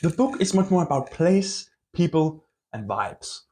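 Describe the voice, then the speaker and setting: A man giving a casual, conversational book review, softening his points with small qualifiers and joking at his own expense. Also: fairly high pitch, big pitch swings, measured pace. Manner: conversational, full of hedging qualifiers like "kind of" and "a little bit"; self-deprecating asides.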